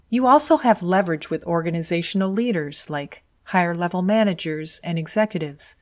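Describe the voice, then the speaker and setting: Woman doing a scripted advice video, kinda low voice, measured and organized, goes point by point. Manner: orderly, measured, enumerates points clearly. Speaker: career advice presenter. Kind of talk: scripted advice narration to viewers.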